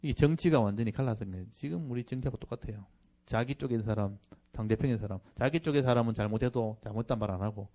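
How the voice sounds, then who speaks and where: A male pastor leads a Bible lecture and explains each passage in an easy, conversational way. He slows down and leans on the words when he reads the verses aloud. His voice sits in an ordinary middle pitch for a man. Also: mellow. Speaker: pastor teaching a Bible class.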